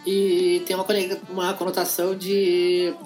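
A woman with a gaúcho accent talks on a podcast in a fairly low voice. She hesitates and searches for words as she chats, with faint music behind. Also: monotone, unhurried, darkish tone. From Rio Grande do Sul. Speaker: podcast guest. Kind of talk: casual chat.

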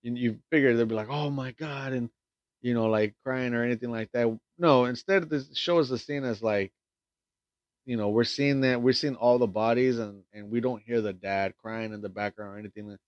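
A man's voice: medium pitch, fairly even intonation, moderate pace, no echo, highs cut off. A man casually recapping a film in a rambling way, swearing freely and stumbling through lots of fillers and restarts. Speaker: film reviewer.

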